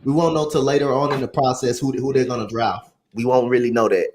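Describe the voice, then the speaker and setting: A man's voice: medium pitch, fairly even intonation, fast talker, over a noisy crowd. A man talking sports from a car, insistent and repeating his point. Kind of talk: casual sports chat.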